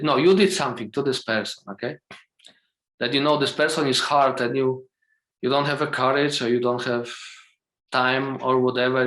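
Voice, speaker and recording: A man guides a slow, gentle meditation on a video call, his English carrying non-native phrasing. His voice sits at an ordinary pitch and has a roomy echo. He keeps checking in softly with "okay?". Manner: gentle, calm, often checks in with a soft 'okay?'. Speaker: meditation teacher.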